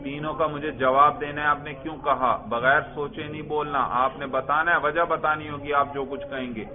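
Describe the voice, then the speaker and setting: A man's voice: a little high, fairly even intonation. A male teacher giving a classroom grammar lesson, quizzing students step by step and praising their answers. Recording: tinny phone-like sound.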